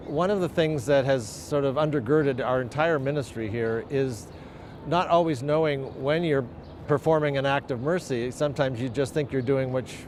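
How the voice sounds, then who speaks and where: A man, a church minister, explaining in a measured, slightly formal and reflective way. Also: mid-range voice, darkish tone, slight background noise. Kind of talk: explanatory interview.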